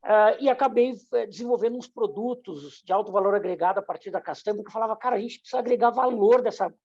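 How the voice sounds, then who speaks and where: A middle-aged entrepreneur from southern Brazil tells his story casually as an interview guest, often stammering over short, repeated words. His voice sits high and is a little mellow and husky, and he talks fast. The audio is slightly dull and muffled.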